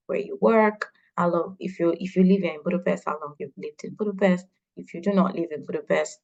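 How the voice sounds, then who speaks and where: A woman hosting an online launch meeting, talking in a halting way with many fillers and restarts. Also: on the low side, gravelly, darkish tone, breathy edge, lo-fi sound. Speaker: event host.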